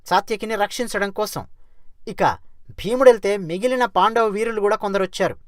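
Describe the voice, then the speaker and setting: A regular storyteller retelling an ancient epic in a casual, spirited way, posing rhetorical questions to the audience as the story moves along. The voice sits at a middle pitch, recorded dry and close with no room sound. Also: no echo. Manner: lively, asks rhetorical questions.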